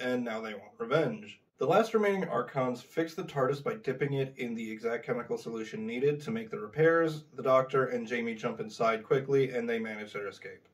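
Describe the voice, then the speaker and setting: A man's voice: mid-range voice, far from the mic. A man reading a scripted book review, sarcastic and swearing when he is frustrated.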